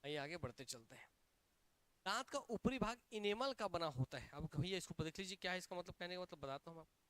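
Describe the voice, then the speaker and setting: A male coaching teacher with a Chhattisgarhi Hindi accent, giving a lively classroom lecture and drilling students with repeated questions and answers. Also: sits high, quick pace. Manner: energetic, emphatic.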